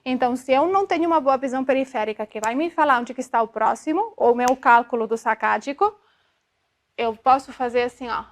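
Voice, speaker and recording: High-voiced woman lecturing a class. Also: a little fast. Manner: explanatory, checks in with frequent tag questions; demonstrative, sounds out syllables to illustrate. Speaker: optometry lecturer.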